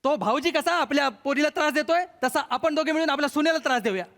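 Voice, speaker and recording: A man's voice: very high-pitched, lively intonation, quick pace, big-room sound, full character voice. A man acting an exasperated, bossy husband and son in a stage comedy sketch. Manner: loud, hectoring, repetitive.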